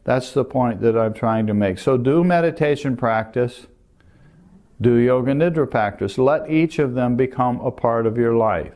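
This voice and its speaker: An older man teaching meditation, explaining calmly and gently while pointing to a diagram. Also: mid-range voice, moderate pace. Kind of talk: calm spoken lesson.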